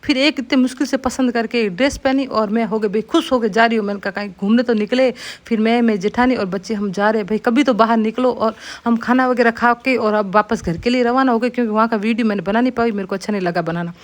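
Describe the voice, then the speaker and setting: A woman's voice: a little high, steady tone, fast talker, few pauses. A woman with a Rajasthani accent narrating her day in a chatty village vlog, often saying "bhai" to her viewers. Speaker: vlogger.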